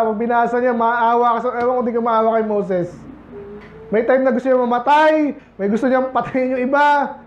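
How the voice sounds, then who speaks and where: A Filipino man preaching a sermon as pastor, talking conversationally to the congregation and rising to emphatic points. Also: very high voice. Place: church. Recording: echoey church room, dull lo-fi sound.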